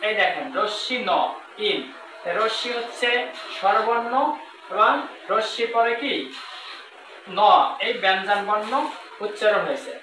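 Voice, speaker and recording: A teacher walks through a grammar lesson, saying each rule more than once and stretching out the example sentences word by word. The voice is bright and clear. It is recorded from a distance in a very echoey room, with a faint hiss underneath. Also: medium pitch. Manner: repeats rules, reads example sentences slowly. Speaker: English teacher. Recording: roomy, distant mic with faint noise.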